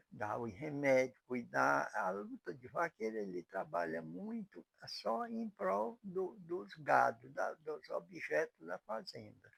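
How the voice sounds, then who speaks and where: A man in his eighties with a Northeastern Brazilian accent from Piauí, slowly telling his life as a cowboy, with restarts and rural turns of phrase. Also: fairly high pitch, fairly bright tone, dry recording, poor audio. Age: 80s. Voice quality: gravelly. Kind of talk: slow spoken self-portrait.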